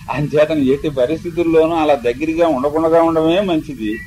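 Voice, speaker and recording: An older man with a Telugu accent, a spiritual teacher who chants verses slowly and melodically, then explains them in a discourse. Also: on the high side, warm tone, a little hiss or hum, poor audio. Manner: explanatory storytelling lecture.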